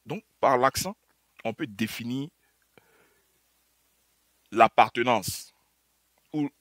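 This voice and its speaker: An Ivorian man talks politics to his viewers in a mocking tone, peppering them with rhetorical questions and tripping into restarts. His voice sits at an ordinary male pitch. The sound is dry and close, with no room around it. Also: a bit bright, dry recording. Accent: Ivorian French. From Côte d'Ivoire. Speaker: online political commentator. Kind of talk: heated political commentary to viewers. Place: abroad, in a developed country.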